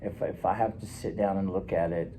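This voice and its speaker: A man's voice: low voice, steady tone, noisy background, natural voice. A man playing a weary middle-aged client. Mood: subdued. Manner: hesitant, halting, quietly earnest. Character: troubled fifty-one-year-old man sent by court. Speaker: client in a counseling role-play. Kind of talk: counseling role-play.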